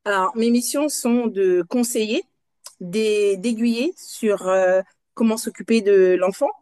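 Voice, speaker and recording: A woman in her fifties from Guadeloupe, a night nurse answering interview questions in a halting way, pausing often to find her words. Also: medium pitch, a little mellow. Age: 50s. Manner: halting, searching for words between pauses.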